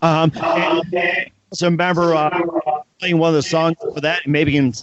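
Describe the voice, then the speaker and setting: A man hosts a casual interview show in a fairly high-pitched voice. He speaks as a radio-style presenter putting questions to a guest. The sound is a bit lo-fi, with some noise behind him. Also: flat delivery, moderate pace, fairly bright tone. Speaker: talk show host.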